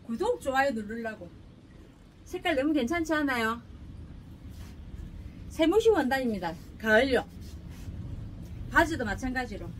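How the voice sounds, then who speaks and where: Middle-aged shopkeeper woman, high bouncy voice, chatty and pushy, heard from a distant camera with faint shop hum. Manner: chatty, joking, pushy seller. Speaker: clothing shop owner. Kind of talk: casual sales pitch. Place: clothing shop indoors. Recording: distant mic, faint room noise.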